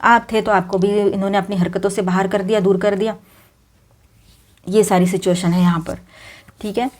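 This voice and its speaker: A woman with a Hindi accent reads tarot cards directly to her viewers, speaking casually and slipping English words into her Hindi. Her voice is mid-range and darkish, with fairly even intonation and a moderate pace. She uses lots of fillers and often restarts her sentences.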